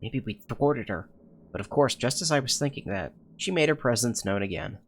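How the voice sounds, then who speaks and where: A man's voice: medium pitch, expressive, normal speed, gravelly, a little hiss or hum. A man reading scripted first-person horror game narration as an anxious young character. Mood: anxious, hushed suspense. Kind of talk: scripted narration read from a horror visual novel.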